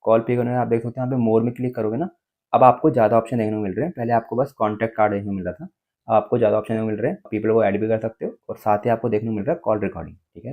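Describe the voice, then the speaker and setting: Over phone-quality sound, an Indian-accented man with a fairly low voice gives a casual step-by-step phone tutorial, often pausing to check in with short tag words.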